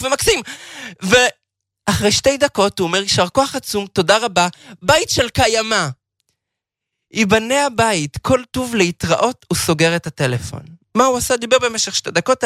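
A man's voice: high voice, no echo, clean studio sound. A man giving a storytelling Torah talk, acting out the people in his tale and slipping into a sing-song chant. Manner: animated, acts out the people in the story. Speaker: religious lecturer.

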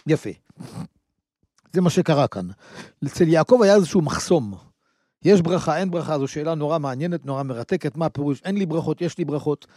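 Male preacher, storytelling, quite high voice, dry close sound. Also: expressive, warm tone, no room sound. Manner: storytelling, rhetorical questions, checks in with "right?". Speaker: rabbi or preacher. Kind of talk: sermon addressed to listeners.

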